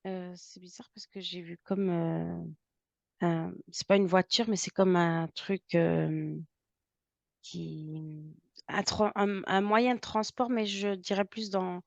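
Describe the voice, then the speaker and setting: A woman with a French accent, describing impressions in a halting way, often pausing to search for words. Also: on the low side, steady tone, creaky, darkish tone, no echo, highs cut off. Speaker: intuitive medium. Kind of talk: hesitant channeled description.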